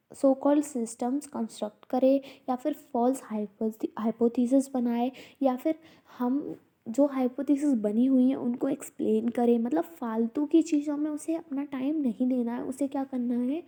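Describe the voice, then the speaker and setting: A woman teaching a study lesson, asking herself questions and answering them, reading quoted passages out slowly. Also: high-pitched, dark tone. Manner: slow, repetitive, asks herself questions. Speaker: teacher explaining homeopathy texts. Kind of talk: study lecture mixing Hindi and English.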